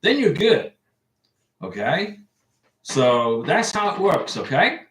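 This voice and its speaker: Streaming from home, this US host offers visa advice, reading out viewer comments and rambling casually in reply. His fairly high voice is very animated yet slow, a bit bright, and echoes in the room.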